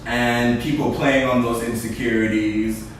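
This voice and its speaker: A man's voice: mid-range voice, flat delivery, measured pace. A man in his twenties hosting a casual panel chat, chatty and laughing often. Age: 20s. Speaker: host. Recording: echoey room, far from mic, faint noise.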